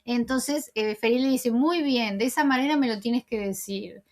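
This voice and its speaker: A woman hosting her own channel, casually retelling TV scenes in a chatty way, with frequent pauses and filler words. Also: a little high, a little mellow. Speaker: series recap channel host. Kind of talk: casual spoken recap of TV scenes.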